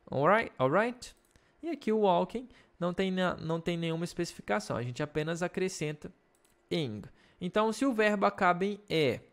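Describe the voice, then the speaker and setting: A young man with a Brazilian Portuguese accent teaching an English grammar video lesson, explaining patiently and checking in often. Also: fairly high pitch. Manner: slow, patient explaining with frequent check-ins.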